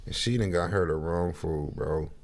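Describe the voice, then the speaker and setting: Man, reaction streamer, low-pitched, gravelly, mocking banter, casual. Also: fairly even intonation, normal speed. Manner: laughing, mocking, slangy banter.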